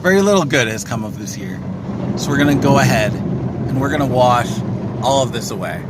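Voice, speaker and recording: A man's voice: mid-range voice, expressive, fairly quick, very noisy. A man talking emphatically in a casual vlog, recorded inside a car going through a car wash. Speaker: music festival vlogger.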